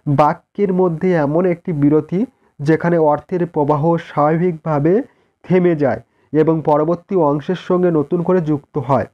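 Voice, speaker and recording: Slow Bengali-accented male teacher dictating. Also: a little high, lo-fi sound. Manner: slow, deliberate dictation with repeated cues to look. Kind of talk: exam-prep lesson, reading answers aloud.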